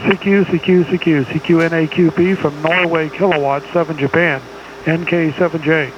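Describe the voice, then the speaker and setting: A middle-aged man with a slightly high voice and fairly even intonation works a ham radio contest at a moderate pace, trading clipped exchanges and spelling in phonetics. The audio from his small indoor home radio room is dull, with clear background noise.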